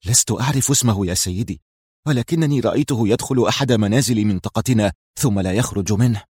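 A man voicing a frightened young male informant who speaks quietly and nervously, in a storybook reading. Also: fairly low pitch, quick pace, breathy edge, no room sound, studio quality.

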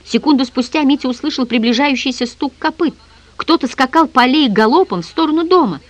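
An audiobook reader giving a dramatic, expressive narration. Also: high-pitched, brisk, no echo. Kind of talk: scripted narration.

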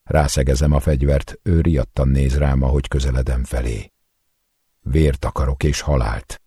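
Super deep husky guy reading an audiobook, dark and dry, intense first-person narration. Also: steady tone, dry recording.

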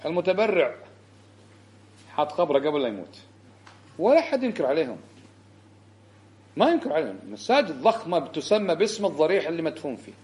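A man giving a religious lesson, indignant and emphatic, climbing high when he stresses a point. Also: fast, long pauses. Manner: animated and indignant, rising sharply for emphasis. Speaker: Islamic scholar giving a lesson. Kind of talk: religious lecture commentary.

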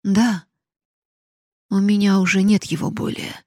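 A woman voicing a young daughter who calmly and firmly stands up to her father, read as an audiobook in a dry, husky voice. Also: medium pitch, a little slow, no echo, close to an everyday voice. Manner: calm and steady. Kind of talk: audiobook reading.

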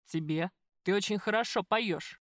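A woman voicing a calm, sober male gangster who speaks evenly and politely. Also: mid-range voice, unhurried, no echo, studio quality, natural voice.

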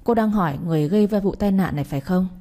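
A woman reading the lines of a gruff, impatient male police officer in an audiobook, barking orders. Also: mid-range voice, rapid-fire, dark tone, close to an everyday voice. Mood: brusque.

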